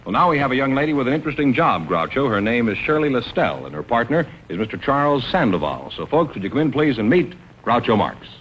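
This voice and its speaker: A man's voice: mid-range voice, big pitch swings, quick pace, hardly any pauses, slight background noise. Polished male quiz show announcer. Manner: polished, formal introductions. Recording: dull old broadcast recording.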